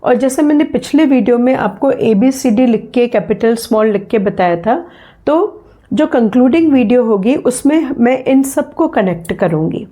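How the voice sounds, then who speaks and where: This woman's warm, expressive voice sits fairly high as she teaches English phonetics. Speaking slowly, she patiently goes over sounds and example words again and again for her students.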